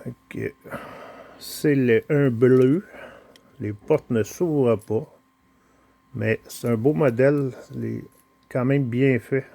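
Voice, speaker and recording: Homme lent à l'accent québécois. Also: male voice, mid-range voice, gravelly, dark tone, no echo. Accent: Quebec French. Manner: slow, hesitant, full of pauses and filler sounds. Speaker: toy car collector showing his collection. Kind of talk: casual unboxing vlog.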